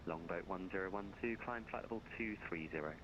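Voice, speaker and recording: A male air traffic controller reading out clipped radio instructions in a lowish voice, his mic dropping out so the volume jumps up and down. The sound is a dull, lo-fi radio line with clear hiss underneath. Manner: brisk, routine, fumbles briefly when searching. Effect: mic keeps cutting out, uneven volume.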